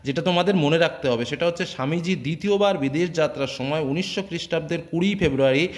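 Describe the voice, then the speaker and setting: A man's voice: on the high side, quick pace. A man explaining a lesson to students, in a conversational way with many fillers and checking questions. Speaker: teacher.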